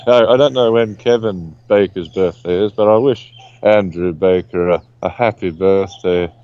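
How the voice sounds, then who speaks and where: A man's voice: sits low, normal speed, warm tone, no room sound. A man giving casual commentary as a remote guest analyst, wry and dryly humorous, over a muffled call line. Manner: wry, dry humour, says mate.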